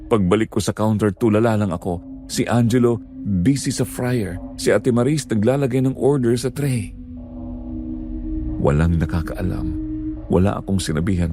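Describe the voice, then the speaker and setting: A man telling a scripted horror story in a hushed, suspenseful way. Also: medium pitch.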